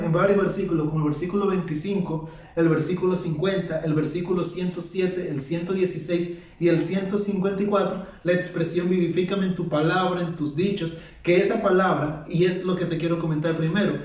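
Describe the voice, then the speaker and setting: A man with a fairly high, slightly mellow voice gives a casual Bible teaching for his vlog, reading verses aloud one after another and repeatedly posing rhetorical questions to himself. He sits back from a distant mic in a very echoey room.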